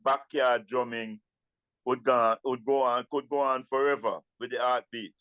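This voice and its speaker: An older man with a Jamaican accent speaks as a Rastafari elder in an interview, using Rasta speech and patois, deliberate and often repeating his words. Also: medium pitch, steady tone, a bit bright, dry recording, highs cut off. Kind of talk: reflective interview talk.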